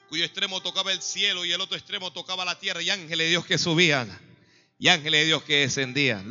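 A man preaching a sermon, calling on the congregation to answer back and rising to loud exhortations. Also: high voice. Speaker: pastor. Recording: dull lo-fi recording with faint music.

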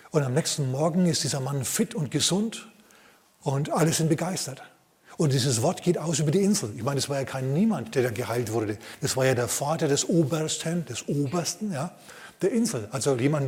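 Preacher man, mid-pitched, animated storytelling sermon, long church-hall reverb. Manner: lively storytelling with rhetorical asides. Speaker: pastor.

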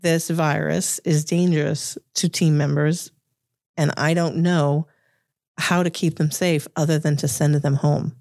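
A woman from Massachusetts with a Boston accent speaks as an interview guest, giving considered answers. Her voice has a noticeable gravelly fry, and the sound is dry and close, without room echo. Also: low-pitched, little pitch movement, measured pace, darkish tone. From Revere, Massachusetts, United States. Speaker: interview guest, corporate lawyer.

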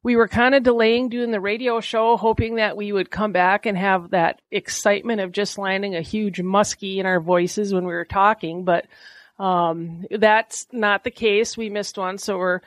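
A woman's voice: medium pitch, steady tone, moderate pace, no room sound. A woman hosting a casual outdoor podcast from a small cabin, talking in a chatty, folksy storytelling way. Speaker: podcast host. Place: small lakeside cabin, indoors.

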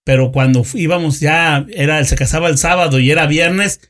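A man's voice: on the high side, a little fast, a bit bright. A man with a Mexican accent chatting casually, telling a story with slang and lots of fillers. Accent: Mexican Spanish. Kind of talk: casual chat.

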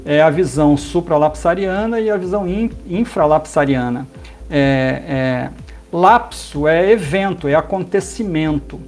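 A man, a pastor, calmly explaining theology in a podcast conversation, pausing often with fillers. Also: on the high side, soft background music. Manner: explanatory, measured, with many fillers.

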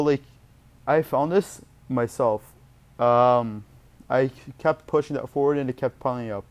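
A young man, a native Portuguese speaker with a medium-pitched, darkish voice, rambles chattily through study tips in a casual vlog. As a student vlogger, he often corrects himself mid-word.

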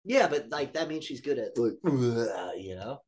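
A man's voice: medium pitch, big pitch swings, unhurried, a little mellow. A young man co-hosting a podcast, chatting casually and joking around with a friend, swearing freely. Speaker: podcast co-host. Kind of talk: casual chat.

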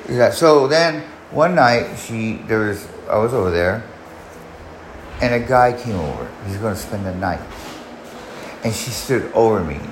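A man's voice: fairly low pitch, expressive, a little slow. A man in his forties telling a long personal story on his podcast, rambling and swearing, with many restarts. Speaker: podcast host. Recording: echoey room, faint background noise.

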